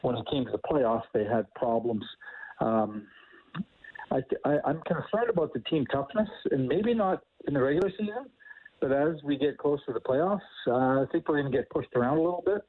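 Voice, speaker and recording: A man calling in to a sports talk show over the phone, hesitant and pausing with ums. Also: mid-range voice. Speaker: caller. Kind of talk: sports call-in chat. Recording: tinny phone line.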